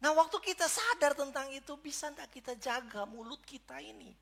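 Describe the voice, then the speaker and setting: Bright-voiced man preaching a sermon. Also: very high voice, animated, fairly quick, gravelly. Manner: addresses the congregation directly, rising to emphatic peaks. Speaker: pastor. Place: church service.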